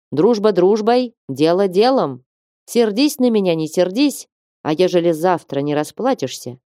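A woman's voice: on the low side, mellow, dry recording, studio quality, close to an everyday voice. A woman reading a sly, domineering merchant. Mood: firm. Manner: coaxing yet unyielding, proverb-quoting. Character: wealthy domineering male merchant, sly and coaxing.

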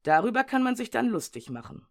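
A woman narrating an audiobook essay in a measured, sober reading of dense prose. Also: fairly high pitch, sing-song. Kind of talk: read-aloud essay narration.

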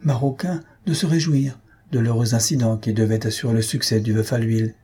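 Male storybook narrator, husky and dark-toned, lively with the shouted lines. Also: a little fast. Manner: lively, raises pitch for shouted crowd lines. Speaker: audiobook reader.

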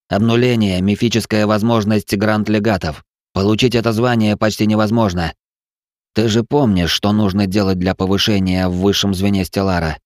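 A man's voice: fairly low pitch, darkish tone, no echo, clean studio sound, close to an everyday voice. A man voicing a cold, ruthless possessed man who speaks curtly and with scorn. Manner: icy, curt and scornful.

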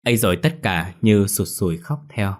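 A man narrating a ghost story in a slow, mournful way. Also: lowish voice, animated, darkish tone.

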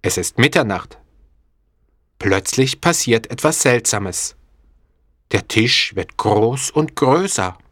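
A man narrating a storybook slowly and clearly, in a deliberate, expressive way for language learners. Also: mid-range voice, no echo, clean studio sound.

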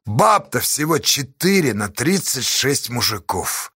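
A man voicing a stern raft foreman who speaks calmly and firmly in an audiobook. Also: mid-range voice, a little slow, breathy edge, no echo, studio quality, heavily acted. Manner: calm, firm, flat.

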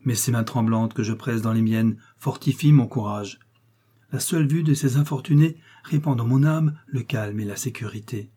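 Frail forgiving noblewoman, read by a man in a dark husky tone, pitched up, storybook reading. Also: moderate pace, lightly acted. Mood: pleading, tender. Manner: tender, raised pitch for a woman. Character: gentle dying noblewoman, pale and forgiving.

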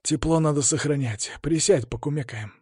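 A man voicing a calm middle-aged boxing coach who speaks earnestly and encouragingly before a fight. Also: a little high, normal speed, breathy edge, no room sound, studio quality.

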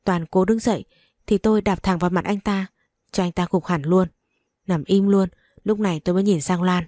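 A woman's voice: on the low side, steady tone, a little fast, mellow, dry recording, clean studio sound. A woman narrating a dramatic first-person story.

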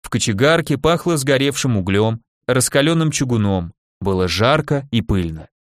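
A male audiobook reader tells the story in a measured, expressive way. His pitch moves in an animated way through the sentences. The sound is dry and close, from a studio mic. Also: dry recording. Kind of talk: scripted narration.

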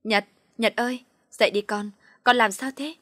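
A woman's voice: medium pitch, flat delivery, moderate pace, a bit bright, dry recording, studio quality, close to an everyday voice. A woman doing a frightened young mother. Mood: alarmed. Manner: pleading, anxious.

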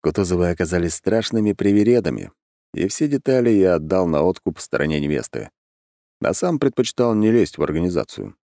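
Guy reading an audiobook, wry and chatty, lowish voice, really dry close sound. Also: big pitch swings, fairly quick, mellow, dry recording. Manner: wry, conversational. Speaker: audiobook narrator. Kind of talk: first-person audiobook narration.

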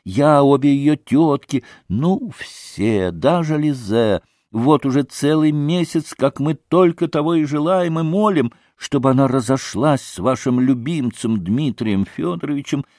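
A man voicing an excitable middle-aged society lady who talks effusively and breathlessly. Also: mid-range voice, a little slow, hardly any pauses, dry recording, clean studio sound, lightly acted. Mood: gushing. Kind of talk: audiobook character voice.

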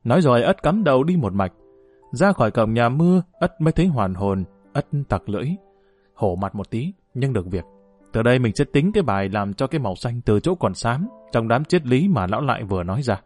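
A man narrating an audiobook novel in a steady storytelling manner. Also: medium pitch, fairly quick, soft background music.

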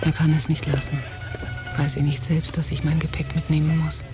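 An actress gives a quiet, measured, introspective reading in a low-pitched, flat voice as an anxious, jealous, watchful young-to-middle-aged woman on holiday, inward and brooding. It comes from a 1990 German radio drama of intimate interior monologue and dialogue, taken from cassette with music playing behind.

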